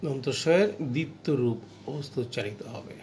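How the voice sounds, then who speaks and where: A man's voice: medium pitch, lively intonation, a little mellow, slight background noise. A male teacher with a Bangladeshi Bengali accent, going through a grammar lesson, stressing rules and asking students questions. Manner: explains slowly, repeats rules, asks the class questions.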